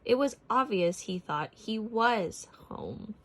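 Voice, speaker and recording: Speaking at medium pitch, a woman narrates a picture book for young listeners with careful, expressive phrasing.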